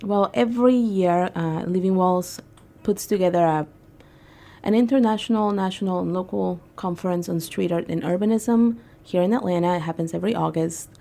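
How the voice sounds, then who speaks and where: A woman's voice: on the low side, normal speed, creaky, dark tone. A young woman from Peru, a guest on a radio interview, talking conversationally with frequent ums and uhs. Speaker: guest, arts organizer.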